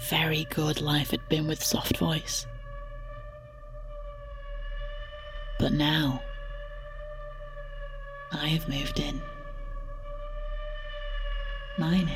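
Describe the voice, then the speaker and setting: A dark, sinister female storyteller in an audio drama. She speaks slowly with wide swings of pitch, breathy and dramatic, slipping toward whispers over clear music. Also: exaggerated voice.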